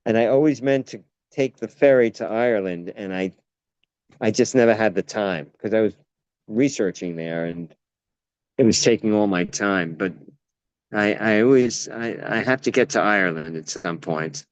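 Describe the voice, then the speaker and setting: A man's voice: fairly low pitch, moderate pace, no echo. An American actor and playwright chatting casually, telling rambling stories and often restarting his sentences. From United States. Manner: rambling, self-interrupting storyteller. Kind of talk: casual conversation.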